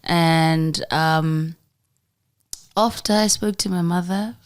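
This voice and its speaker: A woman hosting a casual interview, talking slowly and chiming in often. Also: fairly low pitch, steady tone, clear, resonant tone. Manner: slow, warm-hearted, chimes in often. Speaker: host.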